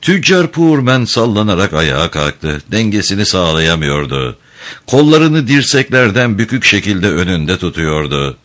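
Deep male narrator, storybook reading, lots of up and down in his voice. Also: sing-song, a little slow, fairly bright tone. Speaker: audiobook narrator.

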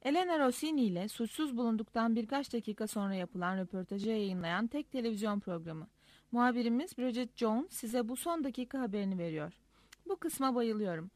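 A woman reads a first-person diary story as an audiobook. Her delivery is lively and expressive, and her voice sits somewhat high. The recording is close and dry. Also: fairly quick, no room sound. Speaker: audiobook narrator.

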